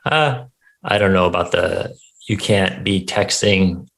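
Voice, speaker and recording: Male host, low-pitched voice, informal and chatty interview style. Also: slow pace, creaky, a bit bright. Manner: informal, conversational. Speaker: show host. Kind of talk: casual interview chat.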